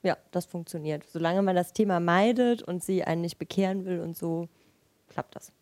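A woman's voice: lowish voice, normal speed, a little mellow, dry recording. A woman from the audience asking a question and talking in a plain, friendly, direct way.

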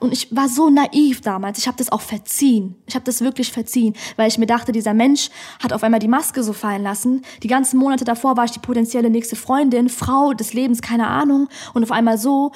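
A woman's voice: on the high side, a little mellow, husky. A woman comedian telling a personal story on a podcast in a studio, blunt and outspoken.

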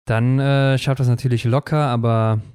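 A man's voice: mid-range voice, steady tone, normal speed, darkish tone, smooth, dry recording, studio quality. A man co-hosting a casual sports podcast, chatty, often tagging sentences with 'ne?', from the western German border region. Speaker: podcast co-host.

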